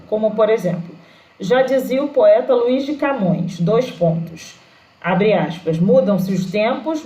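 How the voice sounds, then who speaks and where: A woman teacher, explaining a grammar lesson slowly and patiently with fillers. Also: a little high, a little mellow, roomy sound, rough recording.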